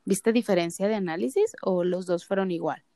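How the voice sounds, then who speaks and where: A woman's voice: on the low side, fairly quick, warm tone, no room sound, studio quality. A woman from Mexicali co-hosting a podcast, asking her friend questions in a supportive, casual way. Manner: supportive listener, frequent affirming interjections. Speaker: podcast co-host. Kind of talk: casual chat.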